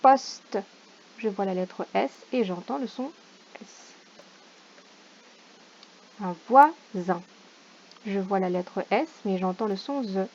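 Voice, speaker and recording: A primary school teacher, a woman, going over a homework correction for parents, sounding out each word slowly syllable by syllable. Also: mid-range voice, darkish tone, muffled recording, a little hiss or hum. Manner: slow, deliberate, sounds out words syllable by syllable.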